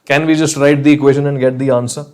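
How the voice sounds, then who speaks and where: Leading a live online chemistry lesson, this Indian-accented man speaks quickly in a flat, slightly mellow mid-range voice. He frequently checks on students, offers encouragement and reassurance, and mixes Hindi phrases into his English.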